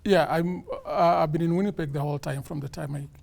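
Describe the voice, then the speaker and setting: A man from Kenya, a police sergeant, speaking in a measured way with many pauses and fillers in an interview. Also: on the high side, fairly even intonation, gravelly, darkish tone. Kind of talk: casual interview talk.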